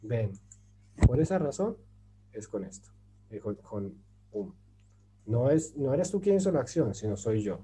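A man of medium pitch whose voice swings widely in pitch speaks at a measured pace with long pauses against a noisy background. In an online group class on Turkish grammar, he explains patiently step by step and often asks "¿cierto?", meaning "right?"

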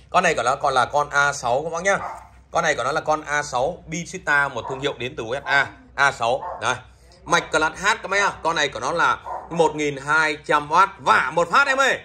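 A man with a husky voice giving an off-the-cuff, pushy hard-sell product pitch, repeating himself with emphatic claims. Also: sharp tone, slight background noise. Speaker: online seller of used audio amplifiers. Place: indoors, beside the goods on a patterned cloth.

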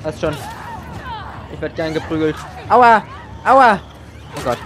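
Sarcastic streamer, high-voiced man, game gunfire and noise underneath. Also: little pitch movement, moderate pace, some chatter behind. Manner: sarcastic self-talk while playing. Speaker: let's play streamer. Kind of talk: gaming commentary. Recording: voice over game sounds.

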